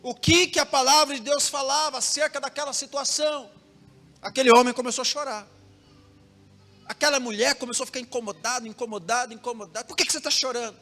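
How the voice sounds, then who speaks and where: A young Brazilian pastor preaches in a high, lively voice, spinning a story through rhythmic repeated phrases. He turns often to speak straight to his congregation. His voice rings through a hall with long reverb and soft music underneath. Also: a little fast. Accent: Brazilian Portuguese. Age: young adult. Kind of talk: sermon. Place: church hall.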